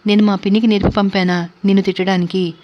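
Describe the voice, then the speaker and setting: A woman voicing a hurt, reserved young woman who speaks quietly and with restraint, in a storybook reading. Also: mid-range voice, little pitch movement, fast, slight background noise, close to an everyday voice. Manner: quiet, subdued. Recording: dull lo-fi recording.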